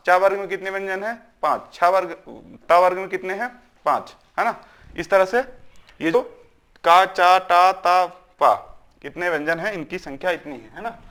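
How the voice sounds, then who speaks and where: A man's voice: high voice, a bit bright. A man teaching a grammar lesson. He asks questions, answers them himself and drills syllables aloud, often checking in with "is it not?".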